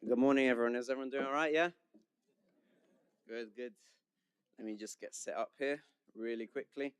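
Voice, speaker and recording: A man's voice: mid-range voice, steady tone, normal speed, clean tone, no room sound. A young man with a London English accent giving a chatty, joking commencement speech as the senior class speaker. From London, England. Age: young adult.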